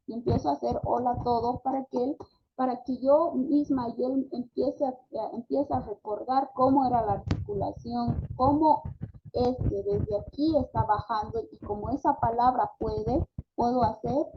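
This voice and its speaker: A woman's voice: a little high, gravelly. A woman from Bolivia giving an online postgraduate lecture, hesitant, with many fillers and tag questions, sounding out syllables and words as examples. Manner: demonstrates syllables and words aloud. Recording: lo-fi call audio with background noise.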